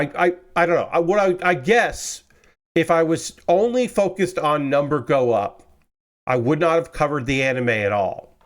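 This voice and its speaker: In his room with the window open, a young man builds model kits and casually chats with stream viewers, rambling and correcting himself. His medium-pitched voice is a little congested, since he's recovering from a cold.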